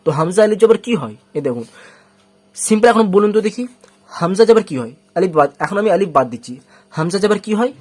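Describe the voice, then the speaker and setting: A man teaching Quran reading, going over each rule slowly and repeating it many times, asking questions and answering them himself. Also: sits high, big pitch swings, a little mellow. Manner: patient, repeats rules slowly and often, asks and answers its own questions. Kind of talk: step-by-step spoken lesson.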